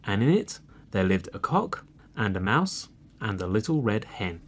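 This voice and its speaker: A man reading a children's fairy tale aloud, slow and expressive. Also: fairly low pitch, soft background music. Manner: slow and expressive, clearly read for learners. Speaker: storyteller. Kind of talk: storybook reading.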